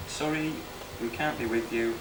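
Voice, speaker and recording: A man gives an informal best man's speech, reading out cards in a hesitant, self-deprecating way. His mid-range voice is picked up from afar in an echoey room with clear background noise. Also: medium pitch, steady tone, moderate pace. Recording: echoey room, distant mic, noisy background.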